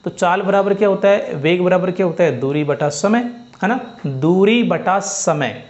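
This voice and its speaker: A man's voice: high-pitched, moderate pace, dull audio. A man teaching a physics lesson, who keeps going over the steps again and keeps asking his students whether they have understood. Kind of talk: classroom-style lesson.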